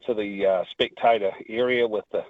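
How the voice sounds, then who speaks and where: A man's voice: on the low side, fairly even intonation, moderate pace, no room sound. A man with a New Zealand accent calling in to a talkback radio show over the phone and chatting in a rambling way. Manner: rambling, with restarts. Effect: heard over the phone. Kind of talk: casual phone-in chat. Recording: dry tinny phone line.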